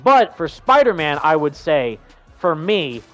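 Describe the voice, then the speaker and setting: Young man, slightly high-pitched, livestream host, casual chat, rambling, enthusiastic, lots of fillers. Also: very animated, a little slow, fairly bright tone, soft background music. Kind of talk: casual livestream chat, reading viewer comments.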